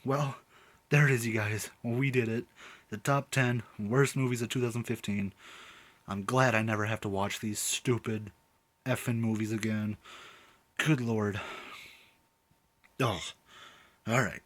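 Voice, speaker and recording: A man's voice: on the low side, fairly even intonation, measured pace, long pauses. A young man reviewing movies in a casual rant to camera, exasperated and emphatic, repeating his points.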